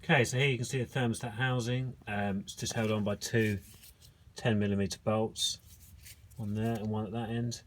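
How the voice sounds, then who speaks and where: Bloke doing a laid-back diy repair vlog, chatty and self-mocking, lots of ums, bit of faint background noise. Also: male voice, fairly low pitch, normal speed, low-quality recording. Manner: relaxed, self-deprecating, thinks aloud with many ums. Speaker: DIY mechanic vlogger. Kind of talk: casual how-to commentary while working.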